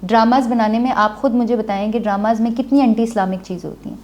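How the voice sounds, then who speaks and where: This woman from Kashmir speaks in a notably high voice. As a talk show guest, she spins chatty, anecdotal stories in a casual, conversational flow. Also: a little mellow. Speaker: guest, former drama maker.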